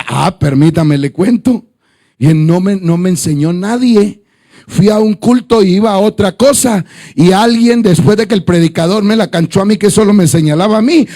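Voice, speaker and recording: A male pastor preaching a sermon, telling stories in quoted dialogue and rising into shouted, singsong fervor. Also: high-pitched.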